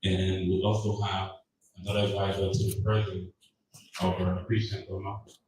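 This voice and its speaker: Man, meeting host, formal introductions, measured and hesitant, low-ish voice, far from mic, echoey room. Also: flat delivery, darkish tone, a little hiss or hum. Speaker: meeting host and government office head.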